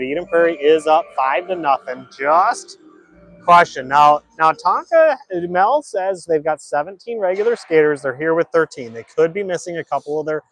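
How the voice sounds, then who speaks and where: A middle-aged man gives casual, joking color commentary on a hockey game. His voice sits notably high for a man, and he talks with a stats-minded, chatty manner. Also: a bit bright.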